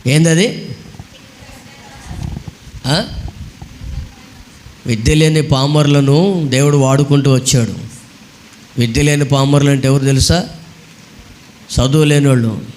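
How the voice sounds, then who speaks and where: A man, a pastor, preaching a sermon and demanding the congregation answer loudly. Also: mid-range voice, slow pace, long pauses, a little hiss or hum. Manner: scolds children to sit quietly.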